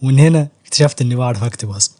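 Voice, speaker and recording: A young man with an Egyptian Arabic accent talks casually to camera about writing as a YouTuber offering writing advice. His voice is medium-pitched with a darkish tone, and he speaks at a racing pace, joking in street slang and laughing often.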